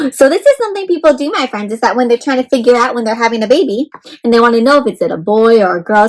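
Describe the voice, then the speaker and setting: A woman reads to children in an interactive session, encouraging and expressive in the manner of a teacher, putting questions to her listeners and explaining in simple terms. She has a fairly high-pitched voice, captured on a low-quality recording.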